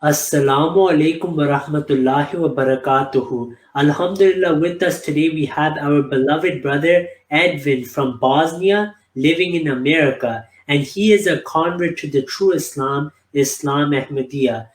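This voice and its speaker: A man's voice: on the high side, normal speed, hardly any pauses, reverberant. A man hosting, giving a formal greeting and introducing a guest. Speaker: host.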